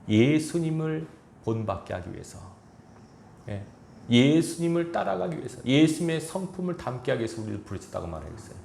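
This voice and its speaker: Male pastor, low gravelly voice, lively preaching, echoey church hall. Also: slight background noise. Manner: earnest, exhorting, with chuckles and quoted asides. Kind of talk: sermon. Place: church sanctuary.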